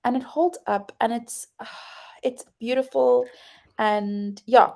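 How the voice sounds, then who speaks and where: A woman co-hosting a casual podcast chat, chatty and animated, laughing often. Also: on the high side, slow pace, gravelly. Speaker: podcast co-host.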